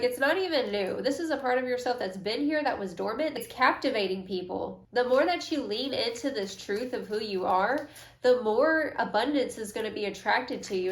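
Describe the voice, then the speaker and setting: A woman's voice: on the high side, roomy sound. A young woman giving a casual, slangy, affirming tarot reading to her viewers. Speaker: tarot reader.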